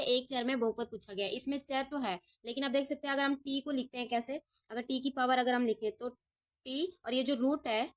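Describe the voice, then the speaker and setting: A woman maths teacher working through problems step by step, patiently asking questions and answering them herself. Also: sits high. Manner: patient, asks and answers her own questions, says ठीक है often. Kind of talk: step-by-step lesson.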